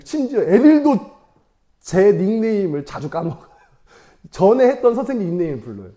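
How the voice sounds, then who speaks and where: A chatty young male evangelist preaches to children in a casual, story-filled sermon with a lively pitch. He's playful, laughs often, and asks the audience questions.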